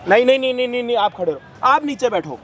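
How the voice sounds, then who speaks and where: A man's voice: extremely high pitch, animated, fast, a bit bright, slight background noise. Bossy, taunting man. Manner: bossy, taunting, giving orders. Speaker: confronting host. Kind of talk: staged confrontation video.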